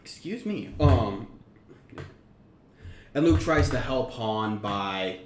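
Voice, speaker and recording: A man co-hosting a podcast, pitching a story idea in a meandering, self-correcting casual chat. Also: animated, slow. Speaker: podcast co-host. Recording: roomy echo, faint background noise.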